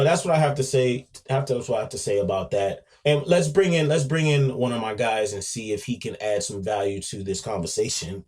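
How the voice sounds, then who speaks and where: A man hosting a podcast in a casual monologue, talking emphatically with many restarts and repeats, his volume swinging between loud and quiet. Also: on the low side. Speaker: podcast host.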